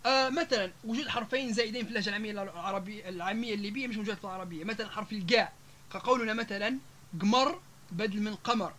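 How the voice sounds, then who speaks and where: A man with a Libyan Arabic accent giving a public lecture to an audience, rattling off example words and pausing on long "aah" fillers. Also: sits high, sharp tone, a little hiss or hum. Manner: rapid, with frequent drawn-out "aah" fillers, listing example words one after another.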